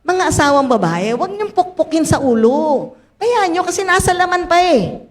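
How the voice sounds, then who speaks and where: An older woman pastor with a Filipino accent, preaching a sermon in a church, mixing Tagalog and English, speaking straight to her congregation and rising suddenly into loud, dramatic lines. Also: very high-pitched, big pitch swings, normal speed. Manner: addresses the congregation directly, asking them to raise hands.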